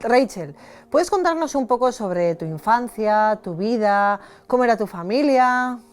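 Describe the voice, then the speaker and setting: Woman, interview host, high lively voice, faint music underneath. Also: unhurried. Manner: animated, welcoming questions. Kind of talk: friendly interview.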